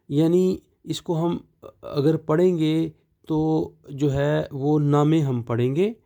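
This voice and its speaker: A man gives a beginner language lecture. He speaks at an unhurried pace in a mellow, fairly high voice. He spells out each word letter by letter and then pronounces it. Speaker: online German teacher. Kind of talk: slow explanatory lecture.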